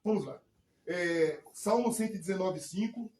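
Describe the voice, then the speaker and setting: A man preaching as pastor, telling a testimony in an animated way, acting out quoted voices and calling for "amém". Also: high voice, normal speed, echoey room, slight background noise, low-quality recording. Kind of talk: testimony sermon to a congregation. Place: church service.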